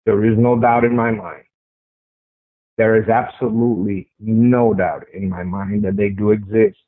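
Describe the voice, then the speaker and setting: On a tinny, phone-like radio line, an interview guest with a strong, lowish voice recounts his own sighting. His tone is steady and unhurried, with no echo. He speaks in a conversational first-person way and repeats phrases for emphasis.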